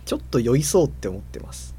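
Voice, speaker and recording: A man in casual podcast chat, speaking in a relaxed, hesitant way with many fillers. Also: mid-range voice, quick pace, a little hiss or hum. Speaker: podcast co-host.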